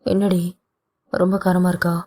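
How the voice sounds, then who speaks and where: A woman's voice: fairly low pitch, completely flat delivery, normal speed, a little mellow, lightly acted. A woman voicing a bossy but tender young husband in a romance audio novel, with a blunt, scolding delivery.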